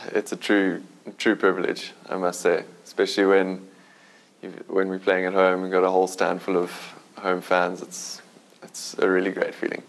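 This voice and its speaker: A young South African man gives halting interview answers. His low voice is gravelly and almost monotone. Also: poor audio. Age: 20s. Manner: hesitant, halting. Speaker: ice hockey player.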